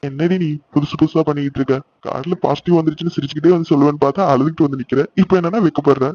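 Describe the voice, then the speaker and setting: Brief: a man voicing a quick, doting young cartoon husband, mid-pitched, dull lo-fi audio. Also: lightly acted. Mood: teasing. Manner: excited, teasing and affectionate. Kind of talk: cartoon voice acting.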